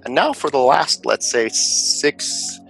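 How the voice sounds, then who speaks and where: A man's voice: medium pitch, very animated, slow, gravelly, fairly bright tone, soft background music, rough recording. A middle-aged man from Finland, answering interview questions in a thoughtful way, with many fillers and restarts. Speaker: venture investor guest.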